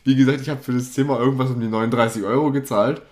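A young man chatting casually, telling a lively anecdote and acting out the people in it. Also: medium pitch, very fast. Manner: animated storyteller acting out dialogue.

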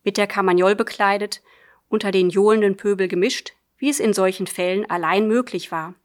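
A woman's voice: mid-range voice, fairly even intonation. Woman narrating a literary audiobook, earnestly. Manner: measured, earnest, addresses a friend. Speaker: audiobook reader.

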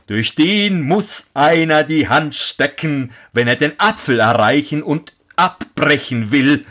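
A huge, grumbling storybook giant, voiced by a man reading the tale. He speaks in slow, drawn-out calls, and his pitch swings widely from phrase to phrase. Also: a bit bright.

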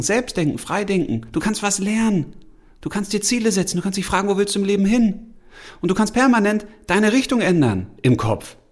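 Male motivational speaker, slightly high, husky, animated, casual, talks straight to camera. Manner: casual, slangy, direct address with laughs. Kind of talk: motivational monologue to the listener.

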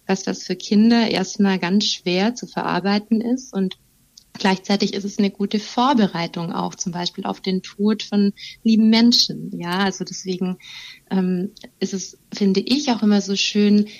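A woman in a podcast conversation, calmly explaining with reassuring, measured speech and the occasional filler. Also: mid-range voice, gravelly, dry recording, dull audio. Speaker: guest expert on grief and children.

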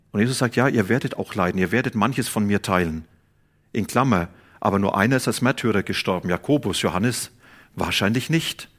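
A man preaching a sermon, emphatic, swinging between loud stresses and hushed moments, addressing a congregation in church. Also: medium pitch, husky.

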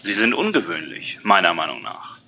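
A man's voice: low voice, very animated, normal speed, pushed and bright, slight background noise, full character voice. A man voicing a matter-of-fact male coroner explaining findings on the phone in an audiobook. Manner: dry, factual.

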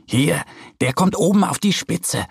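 A man's voice: on the high side, lively intonation, unhurried, creaky, breathy edge, dry recording, clean studio sound, pitched above the performer's own voice, exaggerated voice. A man voicing a small, eager bear cub boy in a children's story. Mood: childlike.

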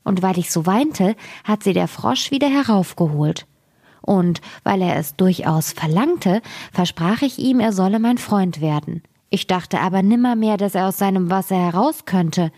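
A woman voicing a young, spoiled fairy-tale princess who speaks in a high, plaintive voice. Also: expressive, moderate pace, warm tone.

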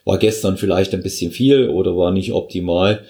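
A man hosting a podcast interview, talking in a halting, affirming way as a fellow trainer. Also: low voice, creaky, warm tone.

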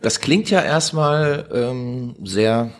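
A man's voice: medium pitch, takes it slowly. A man interviewing his guest in a casual, frank way, with plenty of "ähm" fillers. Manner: casual, frank, frequent "ähm" and "Mhm" backchannels.

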